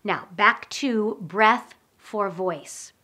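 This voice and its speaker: A woman voice coach leading a guided breathing lesson, speaking in a slow, calm, instructional way. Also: medium pitch.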